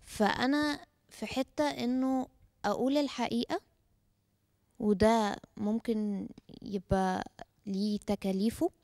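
A woman with an Egyptian accent asks a question from the audience in a thoughtful, measured way. Her voice is a touch high, and the sound is dry. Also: steady tone, darkish tone, dry recording. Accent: Egyptian Arabic. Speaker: audience member asking a question.

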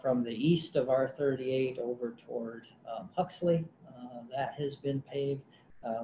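Man presenting to a county board, mellow and halting, echoey meeting-room sound. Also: medium pitch. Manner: hesitant, many fillers and restarts. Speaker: county conservation director. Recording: roomy meeting-room audio, faint hum.

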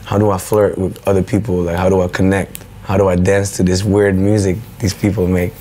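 A man's voice: deep voice, little pitch movement, brisk, dark tone, a little hiss or hum. A man speaking reflectively in a documentary interview, listing questions one after another.

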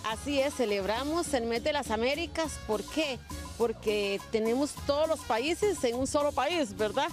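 A woman's voice: sits high, animated, unhurried. Costa Rican woman chatting outdoors. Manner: explanatory, conversational with restarts. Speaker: neighborhood resident interviewee. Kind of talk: casual interview. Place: outdoors in a park. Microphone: handheld reporter mic. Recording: music bed behind.

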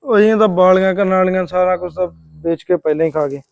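A man's voice: high voice, fast talker, gravelly, a little mellow, no room sound. A man playing a weary young husband who grumbles defensively, with a Punjabi accent. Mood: grumbling. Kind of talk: short-film drama acting.

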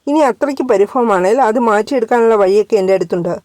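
A woman's voice: medium pitch, fast talker, darkish tone, dry recording, clean studio sound, natural voice. A woman voicing a tender, affectionate young man in a read-aloud story.

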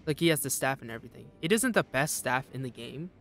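A man's voice: lively intonation, quick pace, a bit bright. A young man streaming a game, chatting casually and nervously while he plays, often laughing. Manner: jittery, laughing, mimics enemies in high voices. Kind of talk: casual gameplay commentary.

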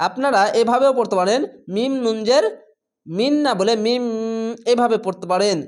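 Patient male Quran reading teacher. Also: very high voice. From Bangladesh. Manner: patient, spells each letter and vowel before blending the word; drawn-out chanting on Arabic words. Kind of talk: slow spelled-out Quran reading lesson.

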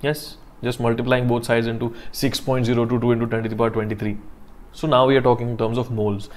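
A man with a North Indian accent teaching a live online class step by step, deliberate, repeating himself and often checking understanding with questions. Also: mid-range voice, little pitch movement, a little mellow. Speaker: chemistry teacher.

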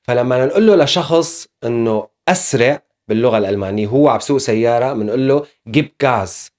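A man's voice: medium pitch, fast, a little mellow. A man teaching German in a casual video lesson, explaining step by step with frequent fillers.

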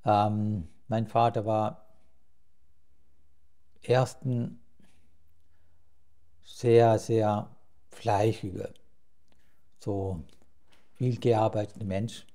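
A man in his seventies from Sri Lanka, a Buddhist monk with a Sri Lankan accent, telling his life story in a slow, halting way with many restarts. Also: fairly low pitch, warm tone. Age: 70s. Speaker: Buddhist monk, interview guest. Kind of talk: reflective life-story interview. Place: temple hall with a Buddha shrine and plants.

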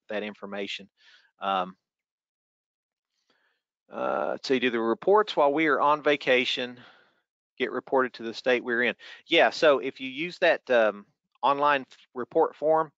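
A man's voice: medium pitch, pushed and bright, clean tone, dry recording, dull audio. A man with a Tennessee accent answering questions informally as a trainer in an online session, conversational and folksy. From Tennessee, United States. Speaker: weather spotter trainer.

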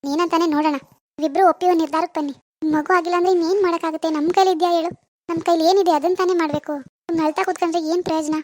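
A woman's voice: very high voice, fairly even intonation, very fast, darkish tone. A woman voicing a worried middle-aged mother in a cartoon, soothing and pleading with her daughter. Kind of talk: cartoon voice acting.

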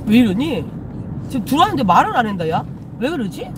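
A woman's voice: on the high side, very animated, fast talker, background noise. A woman shaman hosting a casual live stream, chatting with viewers, greeting them and swearing casually. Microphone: phone.

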